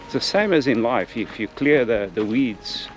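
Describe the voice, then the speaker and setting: A man's voice: mid-range voice, animated, normal speed, faint music behind. A man talking casually and earnestly as a vlog host on a hike, often repeating his phrases. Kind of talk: casual vlog talk while hiking. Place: outdoors on a walking trail. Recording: noisy outdoor recording. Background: clear outdoor ambient noise.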